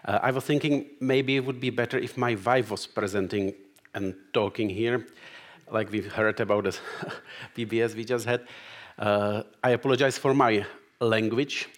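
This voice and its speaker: A middle-aged man from the Czech Republic with a Czech accent, giving a sermon and reading scripture as a guest preacher, talking haltingly with many "uh" fillers and restarts. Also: lowish voice, steady tone.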